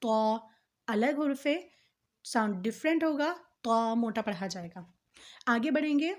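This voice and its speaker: A woman Quran teacher giving a patient lesson on letter sounds, drawing each letter out slowly and repeating every point. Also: on the high side, expressive. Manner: slow drawn-out letter recitation between explanations.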